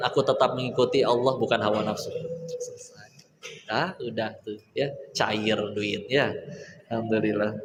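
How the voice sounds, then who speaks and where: Animated preacher in an echoey hall. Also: male voice, mid-range voice, background noise. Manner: animated, acts out dialogues in playful voices, mixes in Sundanese. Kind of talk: lively sermon to a live audience. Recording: echoey hall with faint ambience.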